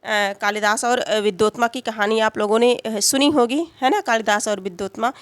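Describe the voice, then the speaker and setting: A woman with a fairly high voice teaches grammar in an unhurried, patient way. She keeps asking a question and answering it herself, with many small fillers and check-ins. The recording is dry and close, with no room sound. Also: dry recording. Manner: explains slowly, asks and answers her own questions. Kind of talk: exam-prep grammar lesson.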